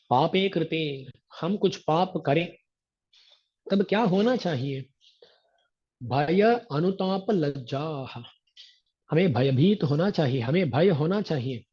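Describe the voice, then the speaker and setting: A man giving a devotional discourse, his voice fairly high yet mellow and dark in tone. He explains sacred verses through homely examples and light humor, reciting the scripture lines slowly. The recording is dull and lo-fi. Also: husky. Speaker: religious teacher.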